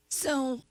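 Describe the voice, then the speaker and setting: A woman with a hoarse, raspy voice that is giving out, clearing her throat and apologetically speaking about her own experience. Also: bright, forceful tone, no echo. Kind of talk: casual personal testimony.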